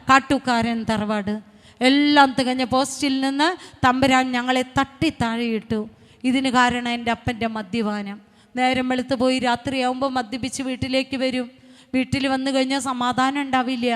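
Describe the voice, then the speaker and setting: A woman preacher giving a fervent sermon and testimony, speaking in short repeated phrases that build to loud exhortation. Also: high voice. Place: retreat centre hall. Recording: long hall reverb.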